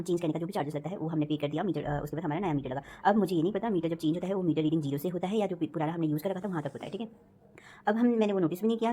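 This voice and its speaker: A woman's voice: on the low side, dark tone. A woman venting in a rambling casual monologue, repeating herself and correcting her words as she goes. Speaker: vlogger.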